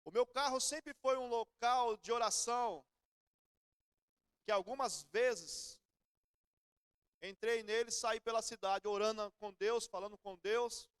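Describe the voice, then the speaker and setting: A man's voice: very high voice, steady tone, measured pace, pauses often, fairly bright tone, clear, resonant tone, dry recording, studio quality. A middle-aged Brazilian man preaching a sermon in church, telling everyday stories in a conversational way. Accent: Brazilian Portuguese. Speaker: pastor.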